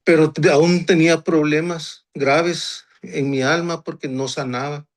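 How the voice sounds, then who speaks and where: A man in his sixties from Honduras shares his faith testimony. His voice sits a little high for a man. He speaks earnestly, often restarts, and says key phrases twice. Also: steady tone, a little slow. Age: 60s. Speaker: guest giving a church testimony.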